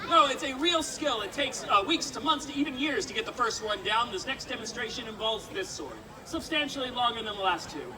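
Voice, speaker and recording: A woman's voice: a little high, animated, a little fast, few pauses. Woman doing jokey street show patter outside, recorded from way back in a noisy crowd. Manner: projected, joking, cheeky, bantering with the audience. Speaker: sword swallower, street show performer. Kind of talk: live comedic stage patter to a crowd. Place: outdoor festival stage. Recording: distant, noisy outdoor festival crowd recording.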